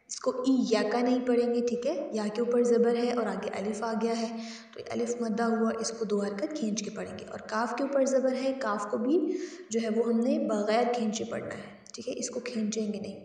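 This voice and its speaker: A woman teaching tajweed, reciting verses slowly and melodically, then explaining pronunciation quickly. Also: fairly high pitch, mellow. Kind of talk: tajweed lesson with slow recitation. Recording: echoey, distant, faint music.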